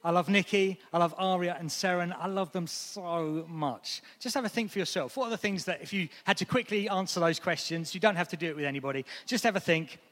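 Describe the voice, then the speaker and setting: A man in his thirties delivers a chatty sermon, mixing friendly asides with scripture. His voice sits a little high for a man. The sound carries the long echo of a church hall. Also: fast, few pauses. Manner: lively, conversational, with asides and light laughs. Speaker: preacher.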